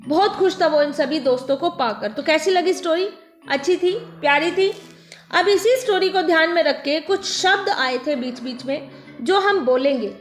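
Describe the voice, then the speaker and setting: A high-voiced woman teaches young children their letter sounds. She speaks slowly and patiently, repeating each word and asking questions back. The recording is echoey, with faint music behind her. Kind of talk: phonics lesson for young children.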